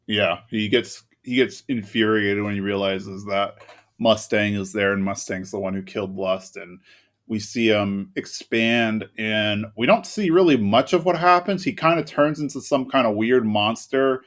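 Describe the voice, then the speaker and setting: A man's voice: fairly low pitch, measured pace, fairly bright tone. A man co-hosting a podcast, talking casually about an anime episode in an easygoing, hedging way. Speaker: podcast co-host.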